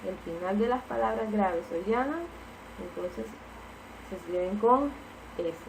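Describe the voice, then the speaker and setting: A woman teacher walks through spelling rules with example words in a patient, explanatory way. Her voice sits at a middle pitch. A faint hum of background noise sits under her. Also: measured pace, gravelly, darkish tone, poor audio. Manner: patient, explanatory, repeats key points with "entonces".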